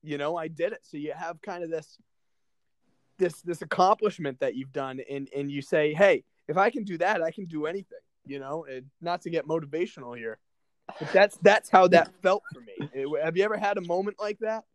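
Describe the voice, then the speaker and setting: A man's voice: a little high, normal speed, no echo. Laid-back young man telling a story. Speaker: podcast co-host. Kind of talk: casual podcast chat.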